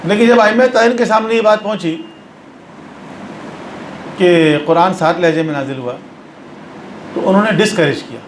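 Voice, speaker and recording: A man teaches a religious lesson with a fairly high voice. He explains step by step and repeats phrases for emphasis. The recording is roomy and echoey, with a faint hum behind him. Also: pauses often. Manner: explanatory, mixes English terms into speech. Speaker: religious lecturer.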